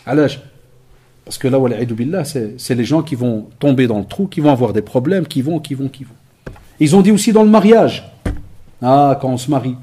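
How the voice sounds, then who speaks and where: A man giving a lecture to young people, telling lively stories with acted-out dialogue and Arabic phrases mixed in. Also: mid-range voice, normal speed, slightly rough. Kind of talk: conference talk to young people.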